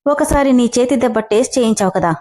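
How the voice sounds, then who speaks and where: A man's voice: very high voice, fast talker, darkish tone. A woman voicing a brash, arrogant young male company boss who talks in a commanding, taunting way, in a storybook reading.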